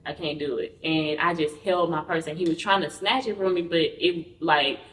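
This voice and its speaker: A woman appears as a podcast guest, frankly recounting her personal story and acting out the voices of people in it. Her deep, fairly bright voice has fairly even intonation at a moderate pace, captured on a distant mic in a roomy space.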